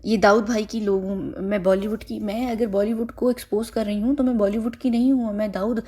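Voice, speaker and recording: A woman's voice: mid-range voice, fairly even intonation, a little fast, warm tone, breathy edge. A woman vlogger talking straight to her viewers in a casual monologue, insistent and argumentative, pushing her points with rhetorical questions.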